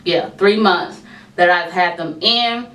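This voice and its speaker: A woman's voice: on the low side, slow pace, a bit bright, a little hiss or hum. A woman vlogger with a lisp from braces, talking casually to her viewers. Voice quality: lisp from braces and tongue crib. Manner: chatty, informal, addresses viewers as y'all. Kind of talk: casual life update vlog. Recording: roomy echo, speaking from a distance to the mic.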